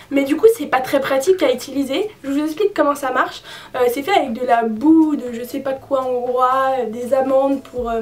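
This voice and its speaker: Chatty high-voiced young woman vlogger. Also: recorded from a distance. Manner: chatty, frank, many fillers. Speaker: beauty vlogger. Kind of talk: casual product review.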